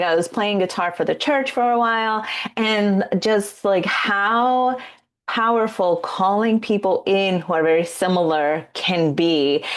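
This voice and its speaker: Chatty woman podcast host. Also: medium pitch. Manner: chatty, rambling questions with "like" and "um". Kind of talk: podcast interview.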